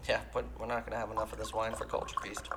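A man talking as a podcast guest in an animated casual chat, his voice dropping at times to near whispers. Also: lowish voice, very fast, background noise.

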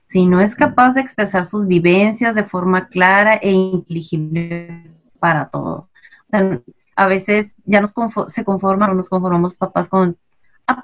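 A woman with a Mexican accent answers interview questions as a child language specialist. She explains step by step, patient and clear, often posing rhetorical questions. Her voice sits in a mid range. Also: medium pitch.

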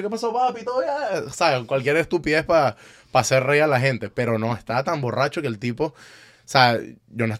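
A man's voice: mid-range voice, no echo. A young man, telling a party story in casual chat and acting out what people said. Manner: animated, acts out quotes.

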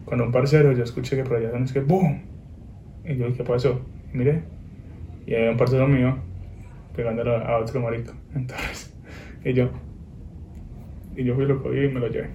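A man's voice: brisk, pauses often, roomy sound. Young guy telling a story. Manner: animated storytelling, heavy slang. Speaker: guest. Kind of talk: casual chat. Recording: noisy low-quality recording.

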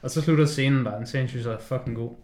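A man co-hosting a casual film discussion, swearing freely and acting out scenes in quick quoted voices. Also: mid-range voice, a little mellow. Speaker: podcast co-host. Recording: roomy echo.

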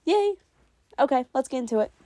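High-voiced and brisk, with lively intonation, this young adult woman from New England rambles through a casual solo episode of her podcast. She's chatty and mocks herself, sounding stuffy with a cold.

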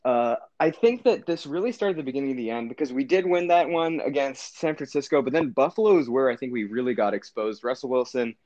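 A man's voice: mid-range voice, brisk, few pauses, lo-fi sound. A man co-hosting a casual sports podcast, rambling and correcting himself as he talks through his team's season. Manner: rambling, self-correcting, animated. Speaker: podcast co-host.

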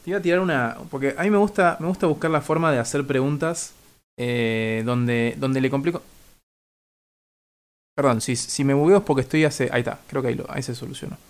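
A man with a Rioplatense Argentine accent hosting a stream, asking questions in halting, filler-heavy phrases. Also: medium pitch. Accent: Rioplatense Spanish. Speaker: stream host. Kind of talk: casual interview on a stream.

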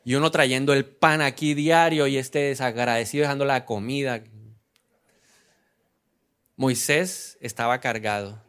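A man preaching a sermon who asks the congregation questions and answers them himself, slowing down to stress key phrases. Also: mid-range voice, fairly even intonation, clean tone. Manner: acts out quoted lines with sudden loud outbursts. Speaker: pastor.

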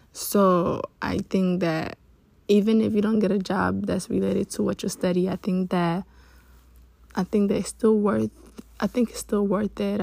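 On her solo podcast, a woman in her early twenties chats in a loose, rambling way, often restarting mid-thought. Her gravelly voice has heavy vocal fry and sits lower than usual after a long day awake, a little mellow. The sound is close and dry, with no room sound.

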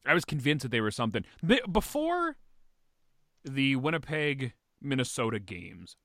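A man's voice: mid-range voice, normal speed, no room sound, clean studio sound. A man co-hosting a podcast, ranting in casual sports chat, frustrated and swearing. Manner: frustrated, swearing, lively rants. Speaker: podcast co-host.

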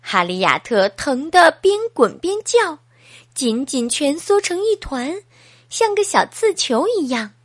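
A woman reading a bedtime story aloud to a child in a slow, sing-song, animated way. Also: high voice, no room sound, clean studio sound.

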